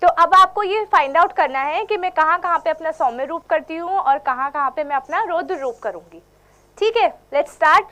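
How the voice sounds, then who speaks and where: A woman's voice: extremely high pitch, animated, moderate pace, bright, forceful tone. A young woman teaching a dance class to children, mixing Hindi and English and coaxing them with questions. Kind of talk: teaching children in an online workshop.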